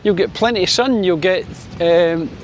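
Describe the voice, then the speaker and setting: In a low-quality recording with a little hiss or hum, a chatty Scottish vlogger in his sixties offers casual opinions to camera at a moderate pace. He's wry and filler-heavy, and his pitch goes up for sunny Spain.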